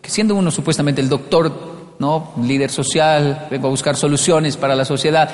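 A man's voice: fairly high pitch, fairly even intonation, moderate pace, long reverb tail. A man giving a live talk on leadership, telling stories animatedly and acting out the dialogue in playful voices. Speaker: speaker on leadership.

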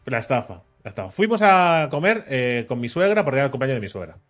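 A man from Catalonia, Spain, with a medium-pitched voice and a quick pace, tells a story in casual chat over soft background music. An animated anecdote-teller, he acts out the dialogue, adds many asides, laughs often and peppers his speech with "¿vale?".

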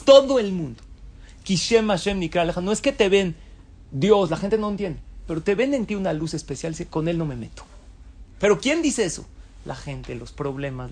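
Lively man teaching Torah. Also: sits high. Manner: rhetorical questions to the audience, joking asides. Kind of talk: religious class talk.

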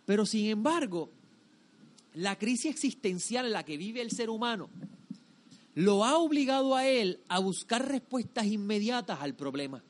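A religious teacher delivers a sermon-style lesson to a group in a high, animated voice at a moderate pace. He is emphatic and didactic, often repeating phrases and posing rhetorical questions.

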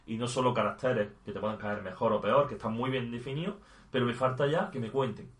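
A man's voice: mid-range voice, fast. A man chatting casually about video games, thinking aloud and restarting his sentences.

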